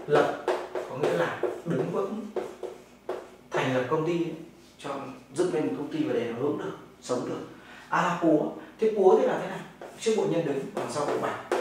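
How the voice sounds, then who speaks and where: A man from Vietnam with a Northern Vietnamese accent, teaching a classroom language lesson, explaining step by step and answering his own questions. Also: mid-range voice. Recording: very echoey room, mic far off, noisy.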